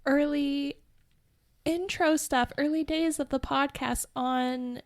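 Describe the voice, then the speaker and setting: A young woman co-hosting a podcast, chatting casually with her sister, giggly, easily spooked and quick with her words. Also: high-pitched, steady tone. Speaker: podcast co-host. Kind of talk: casual chat between sisters.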